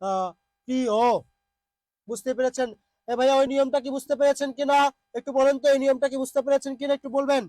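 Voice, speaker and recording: A man's voice: very high voice, steady tone, fast talker, dark tone, no room sound, clean studio sound. A man who is unwell teaches Bengali spelling and pronunciation in a live online class, reading out viewer comments and patiently repeating words to drill them.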